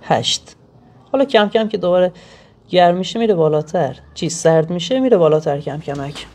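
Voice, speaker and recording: A woman's voice: on the low side, lively intonation, a little mellow, slight background noise. A woman giving a hands-on technical tutorial, explaining each step plainly and thinking aloud as she works. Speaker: technician demonstrating sensor tests.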